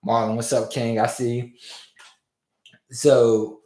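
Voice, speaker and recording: In a roomy, echoing space, a man who coaches business runs a livestream full of relaxed motivational hype. He talks slowly at a medium pitch, his voice a bit strained after losing it, yet he stays energetic and informal, greeting viewers as "fam" and "y'all."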